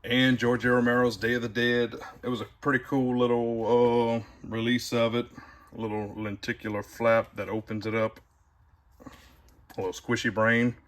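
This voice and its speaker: A man's voice: medium pitch, level tone, normal speed, a bit bright. A man giving a casual, rambling tour of his movie collection, with audible heavy breathing. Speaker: video collector showing his shelves.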